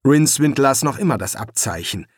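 A man reading an audiobook in a slow, deliberate, dryly ironic manner, recorded close on a studio mic in a dry booth. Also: medium pitch, expressive, gravelly, slightly rough, no echo. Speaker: audiobook narrator. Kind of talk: scripted narration.

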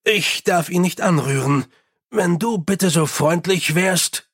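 A man's voice: high voice, takes it slowly, a bit bright, breathy edge, heavily acted. A male narrator voicing a brusque, exasperated commander of the city watch. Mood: shaken. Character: gruff, short-tempered male watch commander.

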